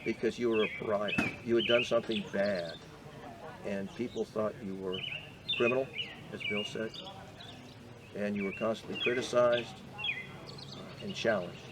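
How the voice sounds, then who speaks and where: A man in his seventies from the Boston area, a veteran being interviewed, telling his story in a measured, earnest way with frequent hesitations. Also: lowish voice, fairly even intonation, heavy background noise. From Boston area, USA. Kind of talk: reflective personal storytelling.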